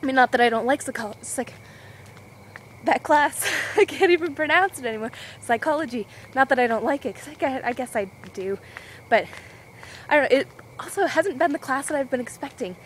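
A woman's voice: high-pitched, expressive, fast, slight background noise, rough recording. A young woman walking outdoors with a handheld camera, vlogging in a rambling, scatterbrained, giggly way. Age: young adult. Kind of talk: rambling casual vlog.

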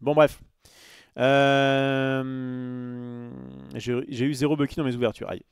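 A man's voice: mid-range voice, fairly even intonation, takes it slowly, clean tone, no echo, clean studio sound. A man chatting casually on a live stream, rambling with many fillers and restarts and answering his chat.

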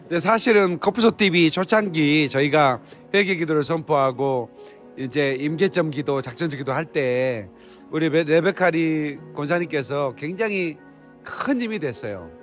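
A pastor in his fifties holds a casual, conversational interview in an indoor hotel lobby lounge, using a handheld phone as his microphone. His voice is fairly high-pitched, he speaks at a normal speed, and soft music plays in the background.

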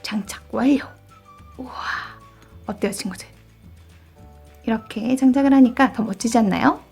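A woman's voice: fairly high pitch, normal speed, creaky, a little mellow, husky, soft background music. A woman hosting a children's toy show, presenting in a showy, exclaiming way with playful sound effects, like a kids' party entertainer. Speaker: children's toy channel host.

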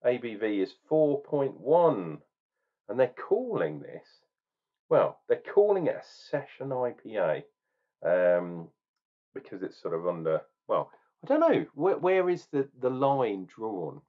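A man's voice: mid-range voice, sing-song, measured pace. Rambling, opinionated man on a webcam. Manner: opinionated, ranting, rambling and jokey. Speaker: beer reviewer. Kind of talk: casual beer review vlog. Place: small room at home, indoors. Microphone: webcam at desk. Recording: dull lo-fi webcam sound.

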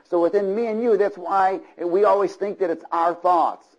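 High-pitched and steady in tone, a man preaches at a moderate pace to a church congregation, recorded in lo-fi. He relies on rhythmic repetition and keeps asking the congregation to voice their agreement.

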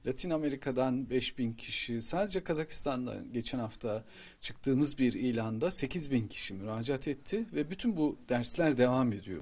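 Creaky, husky middle-aged man, interview. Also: mid-range voice, a little mellow. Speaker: institute president. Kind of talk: news interview. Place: green-screen studio. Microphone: handheld interview microphone.

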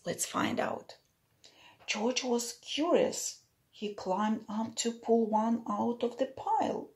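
Reading a picture book aloud to little kids, a middle-aged woman keeps her explanations simple and poses questions to them. Her voice is mellow and on the high side, and she's in a small, plain room indoors.

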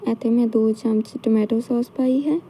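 A woman with a Punjabi accent narrates a home recipe in calm, steady steps. Her voice is very dark and mellow, sitting slightly high, with a flat, even delivery. A faint hiss of noise sits behind her. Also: moderate pace, poor audio. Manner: calm step-by-step instruction. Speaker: cooking channel host. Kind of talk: cooking tutorial narration.

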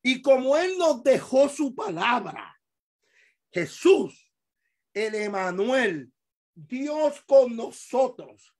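A male pastor leads a Bible study in Spanish and presses the key points again and again. He speaks slowly and deliberately, firing questions at the room. He drops to quiet asides, then rises to shouted emphasis. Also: very high voice, sing-song. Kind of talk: teaching Bible study to a congregation. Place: church hall.

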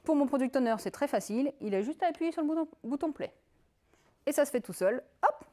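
A woman gives a technical talk at a conference, chatting through it in a lively, conversational way. Her voice sits a little high, and her speech is full of fillers and quick asides. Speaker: conference speaker.

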